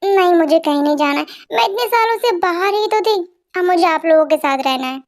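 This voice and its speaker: A woman's voice: very high-pitched, animated, brisk. A woman voicing a young newlywed bride who protests and insists, in a fan-dubbed story. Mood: insistent. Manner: protesting, flustered. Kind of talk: Hindi fan dub storytelling.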